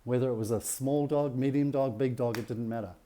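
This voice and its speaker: A man's voice: medium pitch, fairly even intonation, fairly quick, warm tone. A middle-aged man leading a relationship workshop, teaching a group and often checking in with rhetorical questions.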